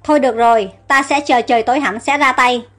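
A woman's voice: sits high, steady tone, moderate pace, a bit bright. A woman voicing an anxious, determined young prince who talks with worried urgency, in a read-aloud story.

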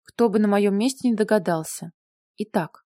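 A brusque, sardonic young woman fires off curt questions in a commanding tone, as a woman reader plays her. Her voice is warm and mellow, set in a dry, close-miked booth with nothing behind. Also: mid-range voice, normal speed, no room sound, close to an everyday voice. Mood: stern. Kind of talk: audiobook character voice.

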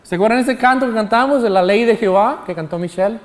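A man's voice: high voice, quick pace, in a large hall. A man preaching a sermon in as pastor, explaining scripture point by point. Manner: preaching with sung quotes of songs.

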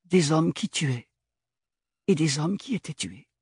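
A reserved young museum keeper in spectacles who speaks flatly and matter-of-factly, a storybook heroine, as a male narrator puts her on. Her lines sit somewhat above the reader's own pitch, husky and dry. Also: measured pace, no room sound, exaggerated voice. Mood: flat, curt. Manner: flat, professional.

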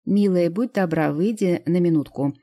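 A calm, confident young man, read by a woman in an audiobook speaks steadily and quietly. The voice is low and husky. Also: moderate pace, close to an everyday voice. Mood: calm, steady. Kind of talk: audiobook character voice.

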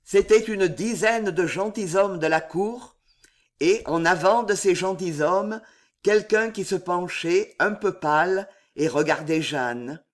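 Male narrator, high voice, unhurried dramatic novel reading. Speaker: audiobook narrator.

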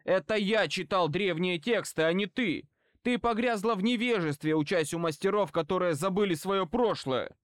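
Bane, a man doing a fierce young dark-side student. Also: medium pitch, normal speed, smooth, no echo, studio quality, lightly acted. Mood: angry, shouting. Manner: heated, indignant outbursts. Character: fierce young male Sith student, proud, defensive.

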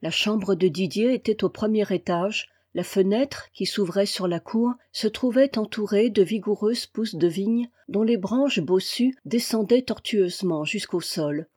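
Mellow-voiced woman reading a novel. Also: mid-range voice, unhurried, hardly any pauses, breathy edge. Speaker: audiobook reader. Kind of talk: literary audiobook narration.

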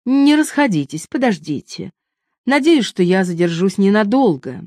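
A woman's voice: mid-range voice, expressive, moderate pace, a little mellow, dry recording, natural voice. A capricious young queen, as a woman reads her, teasing and lightly condescending. She mocks with a raised, lilting voice. The storybook recording is dry and close. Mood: coaxing.

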